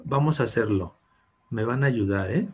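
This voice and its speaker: A man's voice: mid-range voice, normal speed, darkish tone, slightly rough. A man teaching English to children in an online class, patient and encouraging, mixing English and Spanish. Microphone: video call.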